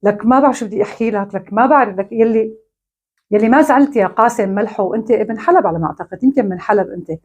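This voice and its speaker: A woman's voice: fairly high pitch, rapid-fire, darkish tone. A woman with a Syrian Arabic accent, delivering a mocking, scolding monologue straight to camera. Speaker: online commentator.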